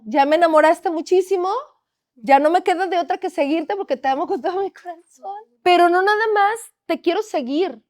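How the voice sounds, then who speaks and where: A woman hosting a faith podcast, telling a personal testimony in an earnest, animated way with vivid quoted dialogue. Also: very high voice, fairly quick. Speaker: podcast host sharing a testimony.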